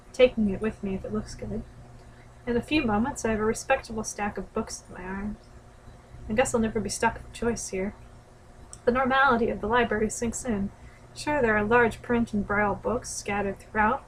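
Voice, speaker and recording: A woman's voice: medium pitch, slight background noise, low-quality recording. A young woman reading a visual novel aloud as a streamer, adding casual comments, sometimes stumbling over lines and rereading them. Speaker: let's play streamer.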